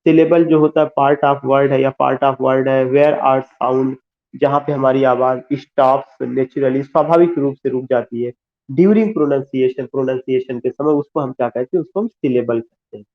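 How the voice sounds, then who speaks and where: A man giving a classroom lecture, explaining slowly, repeating key terms and asking rhetorical questions. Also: medium pitch, steady tone. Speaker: teacher. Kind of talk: classroom lecture mixing Hindi and English. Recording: tinny phone-like sound.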